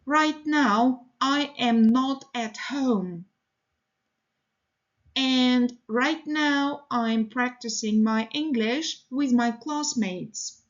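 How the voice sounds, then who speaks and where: Woman English teacher with a high voice, reading example phrases slowly and steadily for learners. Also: dull audio. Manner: slow, deliberate, evenly paced reading. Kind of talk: reading model sentences for learners.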